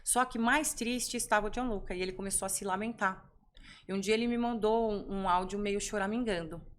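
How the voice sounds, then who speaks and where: A middle-aged woman speaking as a podcast guest, telling stories with lively rhetorical questions. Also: medium pitch, a little fast. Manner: animated storytelling, rhetorical questions. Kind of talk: conversational interview.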